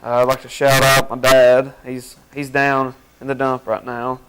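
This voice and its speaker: A young man talks casually as a guest, chatty and rambling. His voice is smooth and clear at a middle pitch. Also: completely flat delivery, normal speed, low-quality recording. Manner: chatty, rambling shout-outs. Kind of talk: casual chat.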